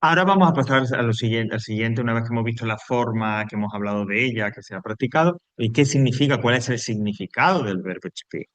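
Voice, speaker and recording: A man explains English spelling rules at an even, mid-range pitch, patiently going over each step more than once. His first language is Spanish, and the recording is dry, with no room echo. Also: quick pace, hardly any pauses. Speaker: English teacher. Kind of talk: recorded online grammar lesson.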